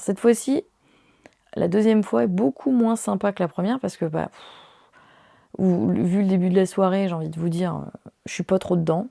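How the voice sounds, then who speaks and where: A woman's voice: lowish voice, gravelly, dark tone, no echo, clean studio sound. A French woman hosting a podcast, candidly telling a personal story in a chatty way, full of fillers. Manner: candid, conversational, many fillers. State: unwell. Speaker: podcast host.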